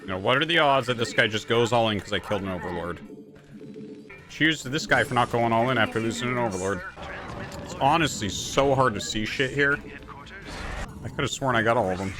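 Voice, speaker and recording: A man's voice: mid-range voice, lively intonation, brisk, long pauses, music in the background. A man in his thirties, a game streamer, telling a story and ranting about a match in a sarcastic, profane way. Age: 30s. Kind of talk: casual storytelling and gameplay rant.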